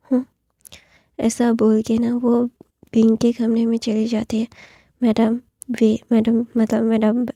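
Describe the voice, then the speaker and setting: A woman retelling a fan story, talking softly and often half in a whisper, with many fillers. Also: on the high side, gravelly, dry recording, clean studio sound.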